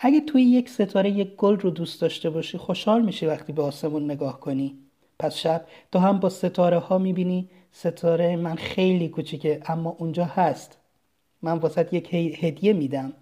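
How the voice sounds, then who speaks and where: A reader voicing a gentle, earnest young boy prince from a tiny planet in a storybook reading. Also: medium pitch, lightly acted. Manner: soft, earnest and kind.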